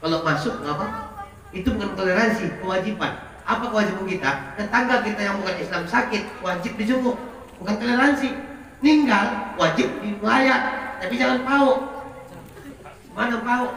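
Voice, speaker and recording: A man preaching a sermon in a mosque, telling stories and acting out voices, with a local lilt. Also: high voice. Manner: storytelling, acting out dialogue with animated voices. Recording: echoey hall, voice from far off.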